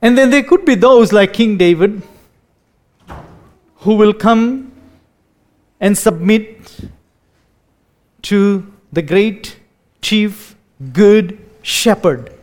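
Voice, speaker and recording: A man preaching a sermon, reading dramatically and dropping to a hush, repeating words as he speaks off the cuff. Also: high voice, drawn-out words, long pauses.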